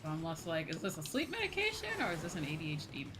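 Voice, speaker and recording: Talking fast in a low-pitched voice, a young woman streaming games banters playfully and conversationally with her livestream viewers. She sounds animated, and music plays behind her.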